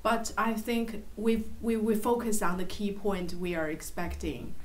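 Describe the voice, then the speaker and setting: In a bright indoor room with large windows, a Chinese woman in her thirties who teaches English chats enthusiastically during a casual group interview, using plenty of fillers. Her mid-range voice keeps a steady tone at an unhurried pace.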